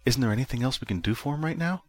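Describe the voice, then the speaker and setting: A man's voice: mid-range voice, rapid-fire, pitched above the performer's own voice, lightly acted. A man voicing an awkward, timid young man who is new to life in space.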